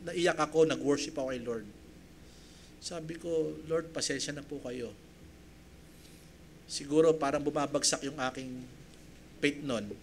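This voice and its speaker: A high-pitched male pastor from the Philippines preaches in church, telling his story with feeling and voicing his own prayers. He builds to loud, emphatic appeals. A faint room hum sits behind him. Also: a little slow, pauses often. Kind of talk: sermon with personal testimony.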